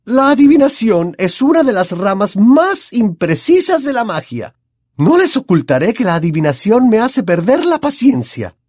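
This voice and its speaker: A man's voice: sits high, big pitch swings, a little mellow, no echo, clean studio sound, voice pushed up. McGonagall, a man doing a stern woman professor. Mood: stern, dry. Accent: Latin American Spanish. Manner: crisp, measured and dryly sarcastic. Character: stern middle-aged woman professor, dry and strict.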